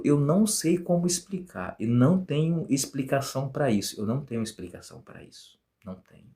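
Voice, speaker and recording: A man's voice: medium pitch, darkish tone. Earnest Bahian man telling his story. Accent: Bahian Portuguese. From Bahia, Brazil. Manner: earnest, repeats phrases for emphasis. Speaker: guest sharing a personal testimony. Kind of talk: emotional personal storytelling.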